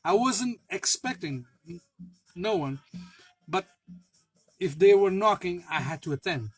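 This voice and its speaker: A man who is a spiritual worker, telling a personal story in a halting way, with many fillers and restarts, laughing at himself and swearing now and then. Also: sits high, lively intonation, husky, dry recording, soft background music, rough recording. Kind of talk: casual spoken anecdote.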